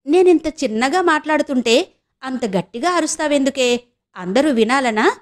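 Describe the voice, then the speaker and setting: A sly, scheming old mother, voiced by a woman narrator in an audio novel. She drags out her words in a slow, insinuating drawl, her voice sitting fairly high. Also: lively intonation. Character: scheming elderly village mother, sly and blunt.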